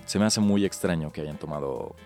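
Deep-voiced Mexican man in casual podcast chat. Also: a little fast, a little mellow, faint music behind. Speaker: podcast co-host. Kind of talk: casual chat about films.

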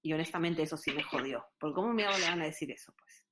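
A woman's voice: low voice, quick pace, fairly bright tone, slight background noise. A Peruvian woman telling stories in a casual chat, earnest and full of fillers. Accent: Peruvian Spanish. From Peru. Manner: hesitant, many fillers, earnest storytelling.

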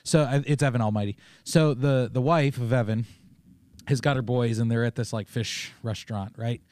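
A man's voice: mid-range voice, steady tone, normal speed, darkish tone, no room sound. A man co-hosting a casual faith podcast, telling stories with many restarts and asides. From Oregon, United States. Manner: rambling, storytelling with many restarts. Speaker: podcast co-host.

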